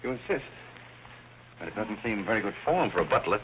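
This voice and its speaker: An actor playing a courteous, unflappable butler, trading 1930s screwball comedy banter with polite deadpan understatement. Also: male voice, lowish voice, a little fast, a little hiss or hum. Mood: dry, courteous. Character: courteous, dryly amused new butler, unflappable. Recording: thin tinny old film soundtrack, music behind.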